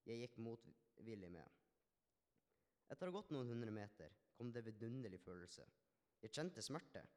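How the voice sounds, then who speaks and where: Humble Samaritan leper, healed and grateful, a man in the role: earnest, reflective first-person monologue, mid-range pitch, recorded with long hall reverb. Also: big pitch swings, a little mellow, lightly acted. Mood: somber. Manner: earnest, reflective storytelling with small restarts.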